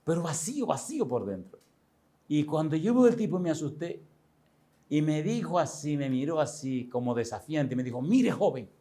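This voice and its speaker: A man's voice: fairly high pitch, sing-song, moderate pace, dark tone. Chatty older male pastor telling a story. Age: 60s. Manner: conversational, addresses listeners directly, chuckles often. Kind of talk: sermon storytelling.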